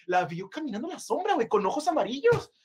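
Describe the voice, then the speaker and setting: A Mexican-accented man with a fairly high voice tells a personal ghost story on a podcast. He is casual and animated, drops slang freely and laughs often as he talks. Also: fast, breathy edge. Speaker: podcast co-host.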